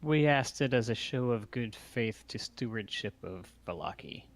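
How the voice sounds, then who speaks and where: Gravelly man playing a tabletop game. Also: medium pitch, animated, moderate pace. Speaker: player.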